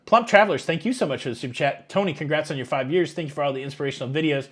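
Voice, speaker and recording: Reading super chats during a live Q&A, the fifty-something host of a YouTube cruise channel rambles through his answers with many fillers. His delivery is rapid-fire, and his voice sits on the high side and sounds a bit bright.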